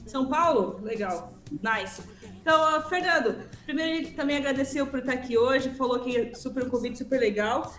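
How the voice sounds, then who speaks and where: A woman with a high, bright-toned voice interprets live, relaying questions in English and summarizing answers in quick Portuguese. Her voice rings in a roomy space, and music plays softly behind her.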